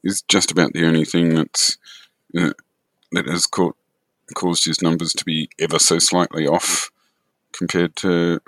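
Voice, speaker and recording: Deep voiced aussie bloke talking sport on a podcast, dry audio, careful and a bit hesitant. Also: male voice, fairly bright tone, no echo, poor audio. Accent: Australian. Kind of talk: casual sports discussion. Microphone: online call microphone.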